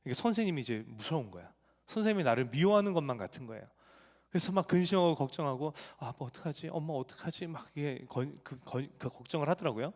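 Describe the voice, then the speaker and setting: A man's voice: a little high, expressive, quick pace, darkish tone. A male pastor preaching a sermon in a church sanctuary, telling family stories in a conversational way. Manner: conversational storytelling with family anecdotes. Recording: long church hall reverb.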